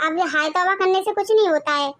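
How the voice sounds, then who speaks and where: Cartoon neighbor woman, voiced by a woman: blunt, teasing, very high. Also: fast, a bit bright.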